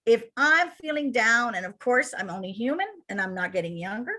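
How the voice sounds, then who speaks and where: Speaking a little fast in a fairly high voice, this childcare center director from Cuba presents an energetic webinar over video call. Her Cuban accent comes through as she addresses attendees.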